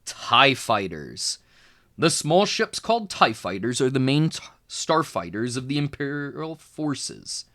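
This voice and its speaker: Here a man with a mid-range voice reads from a children's book the way a tutor would. He emphasizes key words and keeps his delivery expressive, deliberate, and instructive.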